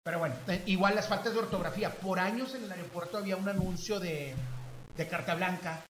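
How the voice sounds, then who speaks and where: A man with a Mexican accent telling a story in a casual chat, animated and acting out the voices of the people he quotes. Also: sits high, fast talker. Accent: Mexican Spanish. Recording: echoey room with background noise.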